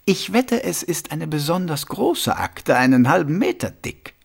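A man's voice: fairly high pitch, sing-song, a little slow, vocal fry, husky, voice pushed up, exaggerated voice. A man voicing a suspicious, zealous young revolutionary in an audiobook. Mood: insistent. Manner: suspicious, insistent.

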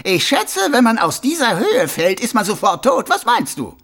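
A man doing a cruel, smug killer with a high, taunting voice that skips up and down between chuckles. The tone is gravelly and husky, a condescending giggle running under everything he says in this audiobook reading. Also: wildly swooping pitch, moderate pace, a bit bright, exaggerated voice. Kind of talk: audiobook character voice.

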